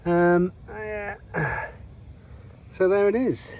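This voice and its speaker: A man chatting casually to camera as he metal detects in a pasture field, self-deprecating and quick to exclaim. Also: high-pitched, little pitch movement, highs cut off. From United Kingdom. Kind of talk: casual self-filmed commentary. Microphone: chest cam or handheld camera.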